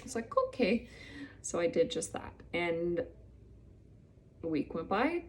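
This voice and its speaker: A woman's voice: fairly low pitch, animated, slow, slight background noise. A woman in her thirties telling her own story to camera in a casual, candid way, acting out what people said. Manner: chatty, candid, quotes people in little acted bits. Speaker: vlogger sharing her melanoma story.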